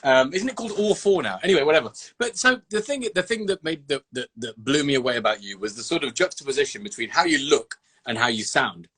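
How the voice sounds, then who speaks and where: A man with a husky, mid-pitched voice hosts a casual interview. He talks loosely and with enthusiasm, swearing freely as he goes. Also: animated, fast talker, few pauses, a bit bright. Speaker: host. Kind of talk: casual interview over a phone call.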